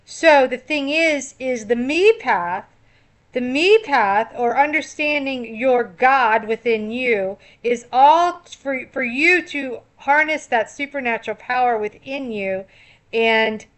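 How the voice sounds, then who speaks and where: A woman's voice: sits high, takes it slowly, fairly bright tone. A woman giving a rambling spiritual monologue, full of wordplay, repeating and restarting her words. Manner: laughs at own puns. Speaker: esoteric astrology commentator.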